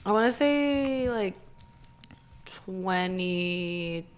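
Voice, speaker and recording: A woman's voice: medium pitch, lively intonation, extremely slow, clean tone. Chatty young woman guest, laughing easily. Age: 20s. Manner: chatty, laughs often, lots of "like". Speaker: podcast guest. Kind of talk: casual chat.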